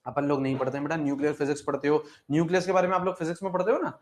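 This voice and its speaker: Brief: young male chemistry teacher, slightly high voice, coaxing and repetitive, answers his own questions. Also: steady tone, racing, a little mellow. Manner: coaxing, repeats phrases, asks and answers students' questions himself; mixes English terms into the talk, calls students "beta". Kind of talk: classroom lecture.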